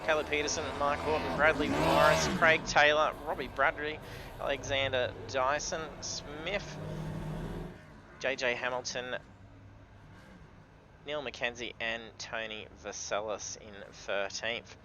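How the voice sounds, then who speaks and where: A man's voice: mid-range voice, level tone, unhurried. An Australian man working as a race commentator and interviewer on a live sim racing broadcast. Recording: clear car noise behind. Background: vehicle noise.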